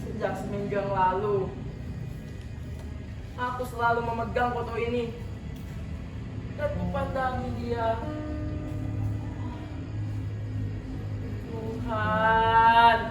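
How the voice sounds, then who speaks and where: A woman with an Indonesian accent playing a distraught, guilt-ridden male office cashier in a declamatory, hammy theatrical monologue with dramatic pauses. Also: fairly high pitch, fairly even intonation, music in the background. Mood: anguished pleading. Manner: hammy, declamatory stage acting with shouted outbursts and long dramatic pauses. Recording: roomy echo, distant mic, background noise.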